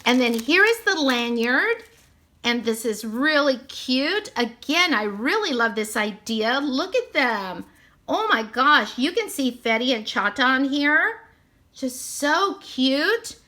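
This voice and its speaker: A woman's voice: high voice, sing-song, slow, sharp tone. A woman narrating a toy unboxing, gushing sweetly and repeating how cute everything is.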